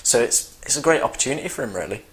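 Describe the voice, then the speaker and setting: A man co-hosting a casual football chat, easygoing and quick to laugh along and agree. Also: medium pitch, animated, a bit bright. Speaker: football channel co-host.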